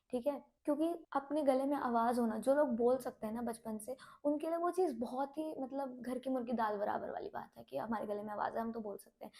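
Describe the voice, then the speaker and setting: A woman's voice: on the high side, warm tone. A woman in her twenties, a singer and content creator, talks openly to her viewers in a subdued, heavy-hearted confessional vlog, moving between Hindi and English.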